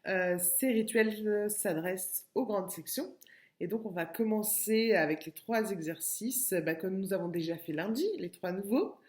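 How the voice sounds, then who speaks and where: A woman teacher giving a remote lesson to young children from a room at home, slow and patient, repeating each word and syllable. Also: medium pitch, darkish tone, reverberant. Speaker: kindergarten teacher.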